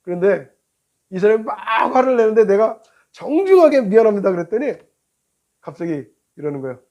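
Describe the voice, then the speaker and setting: A male pastor giving a sermon, telling a road-rage story in an animated way and acting out both drivers. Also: high-pitched, normal speed, lo-fi sound.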